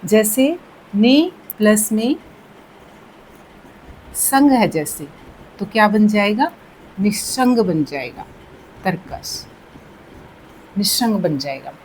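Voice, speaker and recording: A woman's voice: medium pitch, big pitch swings, slow pace, pauses often, darkish tone, slight background noise, poor audio. A woman teaching Hindi grammar in a patient classroom manner, repeating key words and checking in often. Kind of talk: slow, deliberate classroom explanation.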